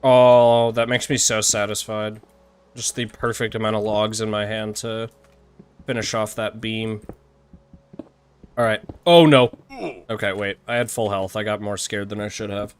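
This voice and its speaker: A man's voice: lowish voice, little pitch movement, measured pace, clear, resonant tone. A man live-streaming a game, rambling and chatting with viewers, often laughing and tripping over his words. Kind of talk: live-streamed gameplay chat.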